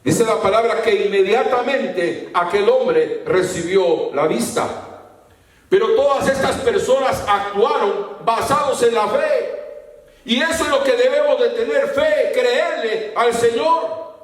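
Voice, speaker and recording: A man with a very high voice preaches a fervent sermon and now and then rises to a shout. He stands well back from the microphone, and the room rings with heavy echo. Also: unhurried. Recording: very echoey room, mic far off.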